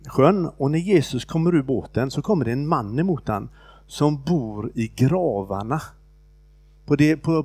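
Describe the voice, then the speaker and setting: This is a man delivering a relaxed, unscripted sermon and retelling a scripture passage in his own words. His voice has a gravelly, fry-tinged texture at a middle pitch. He talks haltingly, with fillers and restarts, and the recording is close and dry. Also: dry recording. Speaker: preacher. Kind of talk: informal sermon retelling a Bible story.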